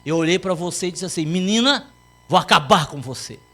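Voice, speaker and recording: A man doing a sly, deadpan husband. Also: high-pitched, brisk, heavily acted. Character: sly middle-aged husband, dry.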